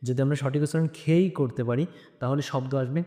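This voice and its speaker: A man from Bangladesh teaching a lesson, hesitant, with frequent "ah" fillers, repeating sounds slowly. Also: medium pitch, fairly even intonation, dark tone. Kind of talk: spoken lesson. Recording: long echoing reverb.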